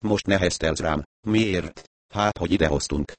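A man's voice: low voice, dry recording. A man voicing a fussy, eager male lawyer who chirps his lines in a raised, piping tone. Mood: eager, chirping.

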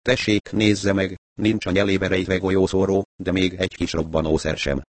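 A man's voice: sits low, little pitch movement, no room sound. Man reading as a curt, sarcastic handyman. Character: gruff middle-aged male handyman, a father.

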